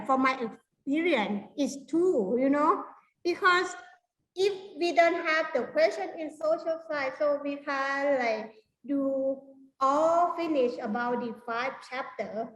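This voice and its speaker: A middle-aged woman with a Thai accent, giving an informal online lecture in halting non-native English. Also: high-pitched, sharp tone, poor audio. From Thailand. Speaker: university lecturer presenting a workshop.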